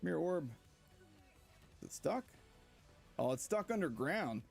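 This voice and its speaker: A man streaming gameplay live, excitedly commenting, laughing often and talking to his viewers. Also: fairly high pitch, unhurried, vocal fry, slightly rough, faint music behind. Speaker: game streamer.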